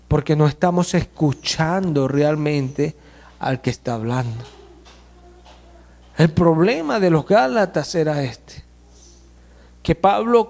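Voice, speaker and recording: A man preaching a sermon as pastor, emphatic and slowing to stress key words, in a church. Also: sits high, a little mellow. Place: church hall. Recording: long church hall reverb.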